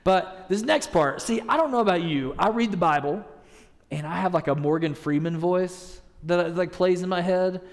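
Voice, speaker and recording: A man's voice: sits high, moderate pace. A man giving a sermon as a guest preacher, conversational and joking. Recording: long reverb in a church sanctuary.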